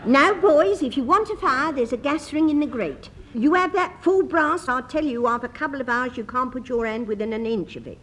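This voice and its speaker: A woman's voice: high voice, fairly quick, hardly any pauses, a bit bright, slight background noise. An actress playing a chatty, eccentric older landlady who giggles between her lines, in a radio comedy. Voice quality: gushing, giggling.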